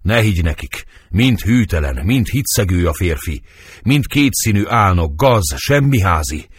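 A man reading the part of an old nurse who laments loudly, in dramatic verse. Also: deep voice, lively intonation, slightly rough, no echo, studio quality, exaggerated voice. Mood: lamenting. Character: old nurse, fussy and grieving woman.

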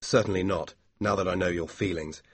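A man's voice: low voice, fairly even intonation, fairly quick, slightly rough, no echo. A man reading a sincere devoted young man.

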